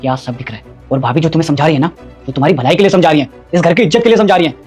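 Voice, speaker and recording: A man's voice: a little high, racing, darkish tone, husky, faint music behind. Man playing a reproachful family elder. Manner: reproachful, lecturing.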